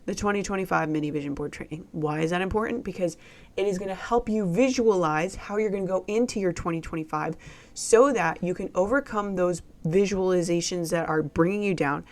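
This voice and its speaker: Woman podcast host coaching on business, kinda low voice, punchy and repeats stuff for emphasis. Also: fairly quick, a little mellow. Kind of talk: solo podcast monologue.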